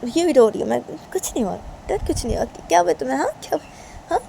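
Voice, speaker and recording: A woman voices a fussy, tearful middle-aged mother in a spoken storybook. She talks high and loud, coaxing and repeating herself insistently. The tone stays mellow and soft-edged. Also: expressive, fast talker, creaky, a little hiss or hum, full character voice.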